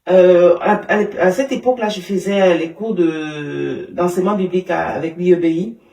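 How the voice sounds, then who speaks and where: A woman's voice: lowish voice, gravelly, dark tone. Woman telling a personal story, roomy distant sound. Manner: emotional, halting storytelling with many fillers and restarts. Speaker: interview guest. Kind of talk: personal testimony in conversation.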